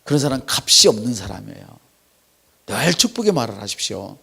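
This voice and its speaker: A man's voice: mid-range voice, brisk, creaky, husky. A man preaching a sermon to his congregation, acting out quoted lines. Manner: animated preaching with acted quotes. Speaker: pastor.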